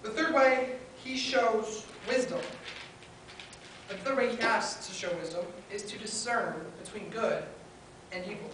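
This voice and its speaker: A woman's voice: fairly high pitch, a little slow, a bit bright. A woman preaching a sermon at a pulpit microphone, earnestly building her points in short listed phrases. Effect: spoken into a pulpit microphone. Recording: very echoey hall, heard from far off, faint hiss.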